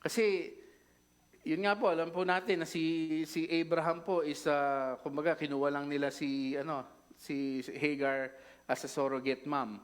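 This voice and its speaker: A man's voice: on the high side, flat delivery, unhurried, smooth. A man preaching a sermon, talking casually between Tagalog and English and often asking his listeners questions. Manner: casual, conversational, mixing Tagalog and English, frequent tag questions.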